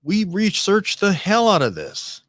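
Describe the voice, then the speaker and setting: A man hosting a casual studio discussion, rambling and animated, often restarting and checking in with "right?". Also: high-pitched, a little slow, dry recording. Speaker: host.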